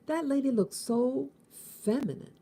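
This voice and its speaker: An American woman in her fifties hosts a casual morning reflection, thinking out loud with halting restarts and repeated words. Her voice sits high, mellow, with a breathy edge.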